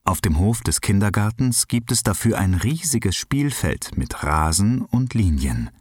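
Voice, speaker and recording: A man reading a children's story aloud in an expressive, unhurried way. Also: breathy edge, no room sound, clean studio sound. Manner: expressive, unhurried, lively pitch.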